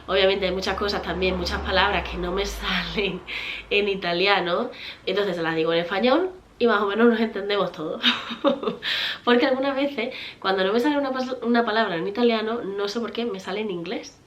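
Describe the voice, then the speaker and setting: A Spanish woman in her thirties, a mother who vlogs, chats casually with her viewers and answers their questions. Her medium-pitched voice moves briskly, and she rambles with lots of fillers and restarts, laughing often.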